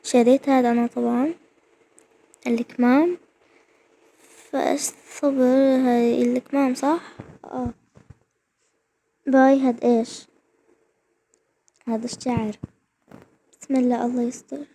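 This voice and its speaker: A young woman chatters through a game, her voice high and bright. She gets carried away, repeating words over and over in excitement. A faint hiss sits under the recording. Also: a little slow, long pauses. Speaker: gaming vlogger. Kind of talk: excited gameplay commentary.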